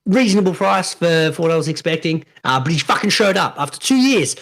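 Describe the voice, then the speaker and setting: Animated Australian man telling a story. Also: a little high, fairly quick. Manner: swears freely, animated storytelling with acted-out quotes. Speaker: podcast co-host. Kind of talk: casual chat.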